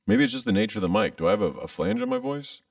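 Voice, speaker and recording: A thirty-something content creator streams live from home, talking very fast in a low, gravelly voice with huge pitch swings. His casual chat rambles, with lots of hesitation and restarts; he uses a studio microphone and headphones, and the audio has no room sound but comes across as distant.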